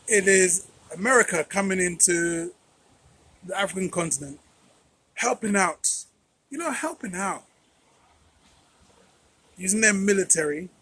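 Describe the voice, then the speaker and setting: A man's voice: high voice, fairly bright tone, husky, poor audio. A man hosting a political commentary channel, talking conversationally with rhetorical questions and repeated phrases.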